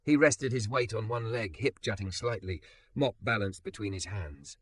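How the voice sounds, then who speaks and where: A man narrating a story in a scripted, expressive reading. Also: on the low side, normal speed, no room sound.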